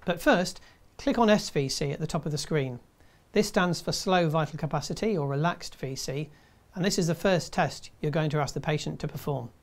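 A man in his fifties presenting a scripted tutorial in a measured, step-by-step way. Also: fairly high pitch. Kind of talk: scripted instructional narration.

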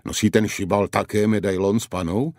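A man voicing a sardonic gentleman companion in an audiobook, with dry muttered asides. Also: on the low side, steady tone, dry recording, lightly acted. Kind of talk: audiobook character voice.

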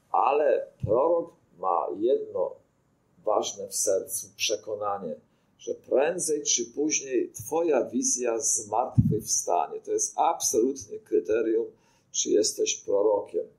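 An older man, a priest, gives an informal teaching talk into a handheld microphone, sharing anecdotes and posing rhetorical questions to listeners. His medium-pitched, darkish voice is very animated yet slow. He's in a small studio before a brick wall, and the recording quality is low.

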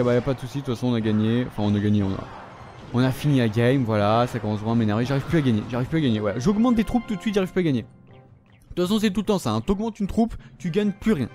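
A man's voice: medium pitch, warm tone. A man hosting his own gaming video, giving casual commentary in an exasperated, sarcastic tone and swearing often. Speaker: gaming channel host.

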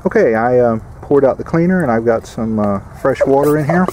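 A man's voice: medium pitch, lively intonation, a little fast, very noisy. A man giving a plain-spoken, folksy how-to demonstration outdoors, repeating his warnings. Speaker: DIY home repair instructor. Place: outdoors beside an air conditioner unit.

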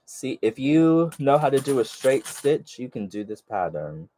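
A man's voice: medium pitch, very animated, unhurried, mellow. A man with a stuffy nose, chatting casually to viewers while he sews along. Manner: chatty, talks to viewers by name while working. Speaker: sewing vlogger. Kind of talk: casual sew-along chat.

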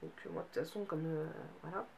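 A woman's voice: sits low, sing-song, fast, creaky, a little mellow. A young adult woman, a beauty vlogger chatting casually, sounding a bit tired with a cold. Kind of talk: casual haul chat. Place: bedroom, indoors. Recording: faint background noise.

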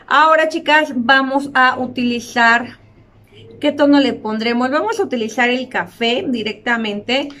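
A woman's voice: on the high side, a little slow, a bit bright. A young woman, chatting through a makeup tutorial and gushing over the colors to her viewers. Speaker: beauty vlogger.

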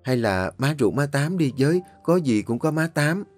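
A man voicing an anxious, gentle young wife. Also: mid-range voice, sing-song, normal speed, faint music behind, pitched above the performer's own voice. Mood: worried. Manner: soft, worried.

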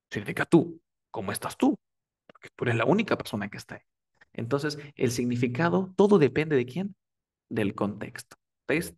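With a fairly high-pitched voice recorded from a distance, a man teaches English informally, drilling words through repetition and frequently asking "¿vale?" as he coaches.

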